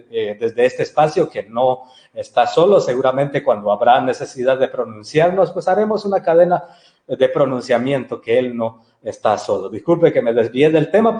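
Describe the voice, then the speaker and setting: A man's voice: mid-range voice, dark tone, reverberant. A man, a journalist guest, speaking earnestly and with feeling in an interview. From Guatemala. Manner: earnest, impassioned testimony. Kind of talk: interview answer.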